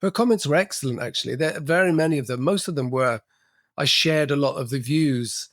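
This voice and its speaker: A middle-aged man who works as a cultural coach speaks reflectively as a guest on a podcast, often restarting his sentences in a casual interview conversation. His voice is a little high and a little fast, studio quality with no echo.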